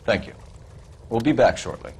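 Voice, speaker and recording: An actor playing an earnest, composed 1940s police detective in a video game, formal and courteous. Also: male voice, mid-range voice, expressive, moderate pace, a little mellow, slight background noise, natural voice. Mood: formal, sober. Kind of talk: video game drama acting.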